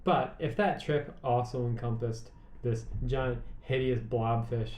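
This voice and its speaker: A man's voice: medium pitch, steady tone, a little slow, a little mellow. A man co-hosting a casual podcast, asking curious questions and adding dry jokes. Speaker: podcast co-host. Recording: roomy with faint noise.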